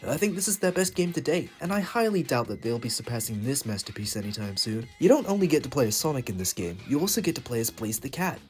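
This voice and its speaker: Young male host, raspy and hoarse from illness, slightly higher pitch, animated opinionated narration, faint music behind. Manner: enthusiastic, opinionated. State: sick, hoarse. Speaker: gaming video host. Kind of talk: scripted video essay narration.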